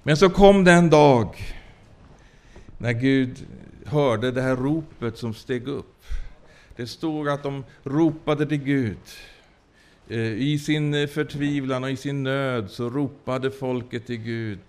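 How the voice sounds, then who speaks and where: A man preaching a sermon and giving his own testimony. He speaks haltingly, with many fillers and restarts, and breaks out in hallelujahs. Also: mid-range voice, a little mellow.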